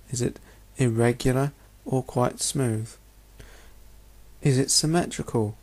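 Methodical male medical lecturer. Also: mid-range voice. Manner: clear, methodical, instructional, posing rhetorical questions. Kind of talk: narrated lecture over slides.

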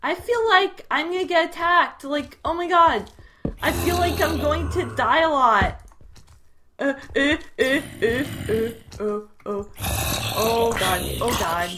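A young Canadian woman who makes gaming videos gives casual commentary while she plays, breaking into sudden startled squeals and chatty asides to viewers. Her voice sits high and moves slowly, with a noisy background behind it.

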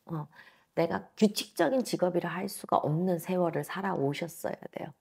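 A woman fortune teller in her thirties reads a client's fate in a blunt, emphatic way. Her voice sits fairly low and carries a gravelly, husky edge. She talks into a lapel mic in a small indoor office. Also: moderate pace, a little mellow. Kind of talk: fortune-telling consultation.

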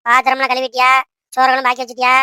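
A woman voicing a bright, scolding cartoon mother. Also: high-pitched, monotone, slight background noise. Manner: nagging, quick scolding. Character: bossy scolding mother of grown children. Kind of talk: Tamil cartoon voice acting.

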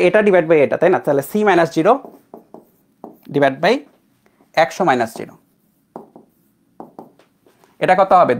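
A young man from Bangladesh teaching an online physics class, talking casually and checking in with his students. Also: fairly high pitch. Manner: conversational, checks in with students often.

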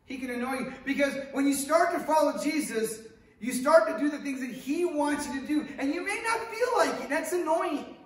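A middle-aged man from Hollywood, California speaks at an extremely high pitch and normal speed, preaching a conversational sermon from a lectern in a stone-walled church sanctuary. He's animated, gesturing widely and asking the congregation questions. A stand mic sits at the lectern, but the camera is far off, so the sanctuary sounds very echoey.

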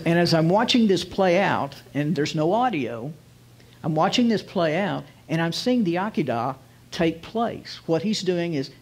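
A man preaching as a guest rabbi, retelling a scene vividly and slowing down to stress key phrases. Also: fairly high pitch, slightly rough. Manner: vivid retelling, drops to slow emphatic phrases. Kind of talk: storytelling sermon.

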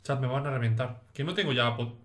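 A young man with an accent from Spain, giving casual, excitable gaming commentary to his chat and swearing freely. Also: mid-range voice, fast. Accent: Spain Spanish. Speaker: streamer.

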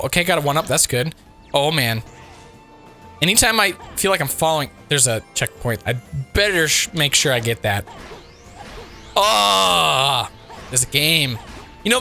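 A man hosting a casual gameplay commentary while sick, his voice still not fully recovered, reacting excitably with frequent exclamations. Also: on the high side. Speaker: let's play host.

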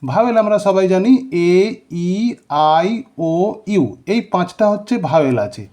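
High, mellow-voiced teacher. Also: male voice, lively intonation, normal speed. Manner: asks a question, then answers it himself. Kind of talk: classroom-style phonics lesson.

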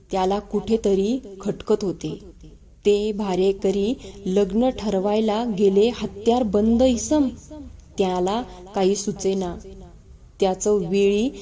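A woman with a Marathi accent reading a historical novel aloud, slowly and with measured care, giving rustic guards and villagers their own lines. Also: medium pitch, mellow. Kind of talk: dramatic book reading.

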